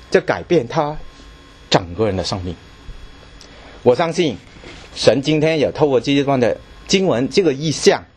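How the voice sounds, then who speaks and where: Guy preaching a sermon, kinda high husky voice, keeps asking the crowd stuff. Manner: asks the congregation questions, repeats words.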